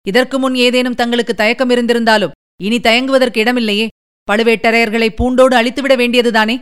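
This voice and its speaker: A fiery, impatient young army commander, as a woman reader puts him on, firing off heated, urgent questions. The voice sits a little high and stays smooth and clean throughout. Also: flat delivery, brisk, lightly acted.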